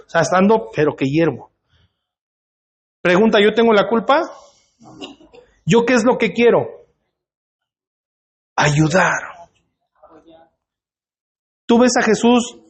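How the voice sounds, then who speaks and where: A male pastor, preaching in a church and putting questions to the congregation in a conversational way. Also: sits high. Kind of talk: sermon. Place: church hall.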